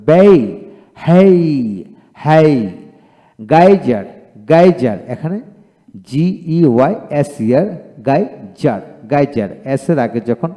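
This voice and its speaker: Man drilling pronunciation in a reverberant room. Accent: Bangladeshi. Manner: repeats each word twice, stressing it louder and higher. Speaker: English teacher.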